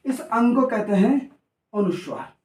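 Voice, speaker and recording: A man's voice: high voice, expressive, measured pace, darkish tone, recorded from a distance. A male teacher giving a classroom lecture, asking questions and answering them himself, drilling the point. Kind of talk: classroom lecture with call-and-response. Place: coaching classroom. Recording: echoey room, voice off-mic.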